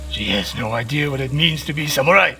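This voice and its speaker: An actor playing a stern, bitter old male archery master in exile in a video game; he speaks gruffly and curtly. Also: mid-range voice, lively intonation, fairly quick, bright, forceful tone, a little hiss or hum. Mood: angry. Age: older. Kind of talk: video game cutscene acting.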